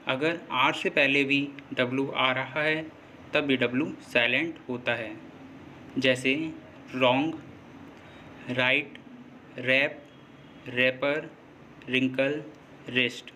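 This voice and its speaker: A man teaching a lesson, slowly and patiently explaining rules and repeating them. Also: medium pitch, bright, forceful tone, a little hiss or hum. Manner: slow, repetitive, patient explaining. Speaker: English teacher.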